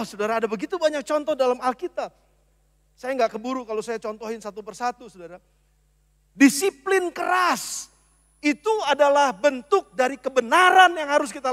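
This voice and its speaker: A man preaching a sermon as pastor, animated, moving from loud emphasis to soft asides. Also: very high voice. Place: church. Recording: long church hall reverb.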